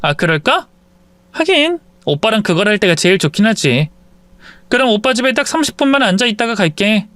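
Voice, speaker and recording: A man's voice: sits high, sing-song, a little fast, a bit bright, dry recording, pitched above the performer's own voice. A man doing a coy young daughter-in-law.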